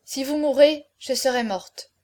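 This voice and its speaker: A passionate young noblewoman cries out in high, impetuous bursts, as a woman reads her. The lines come quick and loud. It is an audiobook voice. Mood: anguished. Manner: impetuous outbursts. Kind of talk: audiobook character reading.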